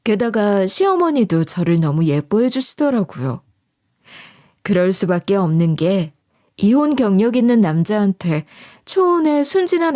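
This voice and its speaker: A woman's voice: medium pitch, darkish tone. A woman narrating a first-person true-life story in a confiding way.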